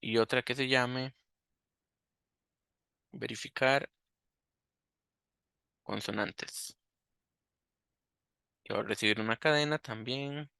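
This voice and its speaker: A man's voice: mid-range voice, takes it slowly, gravelly, pauses often, bright, forceful tone, clean tone, no echo, clean studio sound. A man teaching a coding lesson, thinking aloud and asking himself questions as he works. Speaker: programming teacher. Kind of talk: screen-recorded coding lesson.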